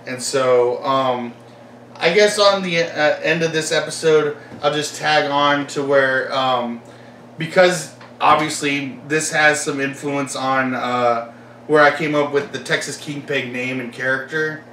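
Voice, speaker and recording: A man's voice: on the high side, steady tone, measured pace, bright, forceful tone, reverberant, far from the mic, a little hiss or hum, rough recording. A young man rambling casually about his collection, full of fillers and enthusiasm. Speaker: collector vlogger.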